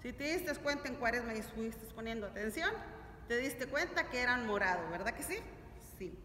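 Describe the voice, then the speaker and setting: Fairly quick and sharp, with lively intonation, this slightly high woman's voice leads a catechism lesson for families. The middle-aged teacher is didactic, checking understanding with questions, and the distant camera picks up echo and noise in the big stone church.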